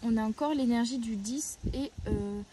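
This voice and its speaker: Woman card reader, outdoors; gentle, halting delivery, audible noise and clicks on the track. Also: a little high. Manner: hesitant, often searching for words. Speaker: tarot and oracle card reader. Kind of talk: weekly card-reading guidance. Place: outdoors, near a tree.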